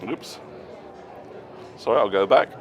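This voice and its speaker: A man giving a live presentation to an audience at a trade show, explaining things plainly with casual asides and quick self-corrections. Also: lowish voice. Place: noisy exhibition hall.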